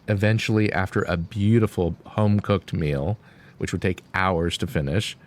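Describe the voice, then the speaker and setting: A man reading a written eulogy aloud in a solemn, grieving, deliberate way, with pauses. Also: fairly low pitch. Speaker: son giving a eulogy.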